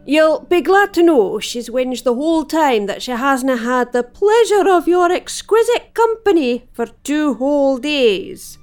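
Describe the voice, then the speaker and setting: A woman's voice: high-pitched, animated, a little slow, hardly any pauses, darkish tone, faint music behind. A middle-aged woman with a broad Scottish accent playing a wry, teasing, motherly villager in an audio drama. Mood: matter-of-fact, kindly. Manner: dry, teasing, matter-of-fact.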